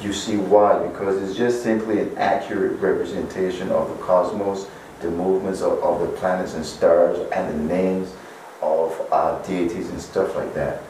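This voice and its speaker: Low and warm, this man's voice keeps fairly even intonation at a normal speed. He's an author from Barbados giving long interview answers about spiritual teaching, peppered with "you know." The recording comes from an echoey, distant-sounding room with faint noise.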